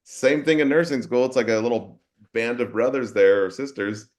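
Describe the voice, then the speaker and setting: A man who is a nurse educator, chatting casually in a webinar and speaking in a relaxed way with many fillers. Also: mid-range voice, moderate pace.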